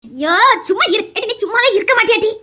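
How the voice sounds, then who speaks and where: A woman's voice: extremely high pitch, very animated, quick pace, pushed and bright, full character voice. A woman voicing an older mother-in-law who scolds and acts shy, with a Tirunelveli Tamil accent. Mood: bashful scolding.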